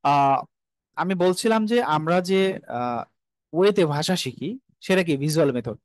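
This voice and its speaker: A man's voice: on the high side, lively intonation, measured pace, dry recording. A man from Bangladesh teaching English in an online class over a video call, asking the class many rhetorical questions and mixing English phrases into his talk. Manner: mixes English phrases into Bengali.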